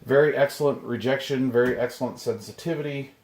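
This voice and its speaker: Talking at a quick pace, the man has a mid-range, darkish voice as he unboxes items indoors for his video. He's a hobbyist radio collector whose casual, wandering commentary includes plenty of muttering to himself. Clicks and noise are clear in an echoey room.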